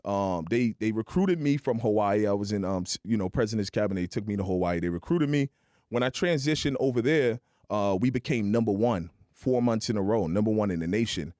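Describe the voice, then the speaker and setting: A man's voice: on the low side, expressive, brisk, a little mellow, no room sound, studio quality. A man on a podcast telling his career story in a motivational way, often checking in with "right?". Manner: motivational, keeps adding "right?". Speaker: podcast guest.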